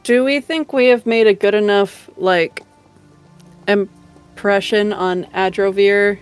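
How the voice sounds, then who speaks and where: A woman player in a tabletop game, asking questions in a soft, casual way. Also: mid-range voice, steady tone, takes it slowly, clean tone, faint music behind.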